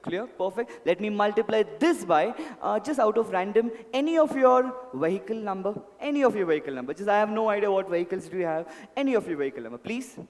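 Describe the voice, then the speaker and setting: Man, high voice, stage mentalist patter, polite showman, reverberant hall recording, music behind. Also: expressive, fast, hardly any pauses. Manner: showman, polite, addresses volunteers with repeated pleas. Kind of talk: live stage performance patter with audience. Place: indoor event hall, on stage.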